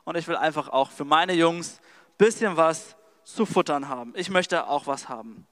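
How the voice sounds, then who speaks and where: A man's voice: fairly high pitch, normal speed, fairly bright tone, in a large hall, lightly acted. A man voicing a frustrated young male warrior leader, blunt and slangy. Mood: demanding.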